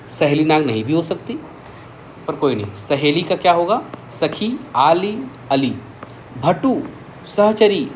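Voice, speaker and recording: Teacher, male, slightly high voice, lively list-reading delivery, faint background hiss. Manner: lively, reels off word lists with quick asides. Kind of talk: exam-prep vocabulary lesson.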